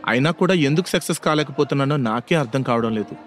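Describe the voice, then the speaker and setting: A man's voice: mid-range voice, lively intonation, fast, faint music behind, close to an everyday voice. A man voicing a struggling young male college student who speaks meekly and apologetically. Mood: dejected. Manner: meek, apologetic.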